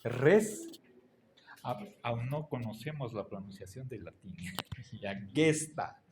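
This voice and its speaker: A man teaching a class, lecturing deliberately and checking in with his students again and again. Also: medium pitch, animated, noisy background. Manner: slow, deliberate, checks understanding with frequent "¿sí?".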